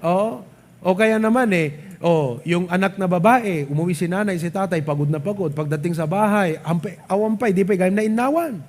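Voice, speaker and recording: A man with a Filipino accent preaching a sermon at church, animated, often asking the congregation to agree and mixing English into his talk. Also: high voice, moderate pace. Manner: animated, asks the crowd "di ba?" often; mixes English and local speech, light laughs. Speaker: pastor. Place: church service.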